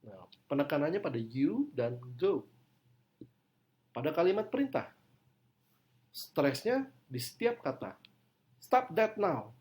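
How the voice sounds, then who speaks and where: A man's voice: on the high side, very animated, measured pace, long pauses, a little mellow. A man lecturing on English pronunciation, explaining in his own language and speaking example sentences with exaggerated stress.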